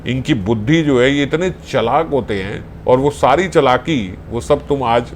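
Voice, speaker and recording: A man voicing an indignant young maidservant who scolds with sharp, accusing questions. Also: medium pitch, a little slow, slight background noise, close to an everyday voice. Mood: scornful.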